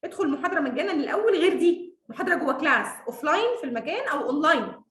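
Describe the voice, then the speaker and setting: Fast, high-voiced Egyptian woman teacher. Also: reverberant. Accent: Egyptian Arabic. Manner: confident, lively, laughs often. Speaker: English teacher. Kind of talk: casual online lesson.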